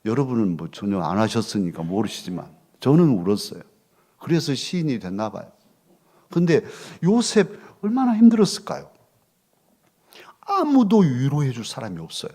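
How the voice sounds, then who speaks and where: A middle-aged male pastor preaching a sermon in a church, moving between loud rhetorical questions and soft, hushed asides. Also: medium pitch, normal speed. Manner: expressive, swings from loud questions to soft near-whispers. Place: church sanctuary.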